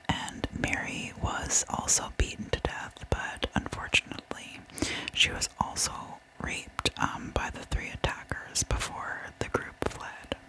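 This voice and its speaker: Over a low-quality recording, a woman tells a true crime story as ASMR, whispering softly and breathily without voicing and unfolding the tale deliberately.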